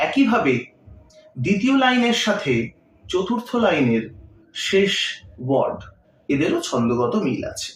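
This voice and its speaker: A man teaching a literature lesson, explaining in short, measured phrases and mixing in English terms. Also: high-pitched, sing-song. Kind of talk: literature lecture. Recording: roomy echo, mic set far off.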